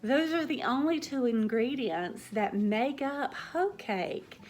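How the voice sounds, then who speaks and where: A woman with a Southern US drawl, chatting gently to her viewers as the host of a home cooking channel. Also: high voice, lively intonation. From Southern United States. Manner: gentle, slow, warm storytelling drawl. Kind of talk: casual chat to viewers.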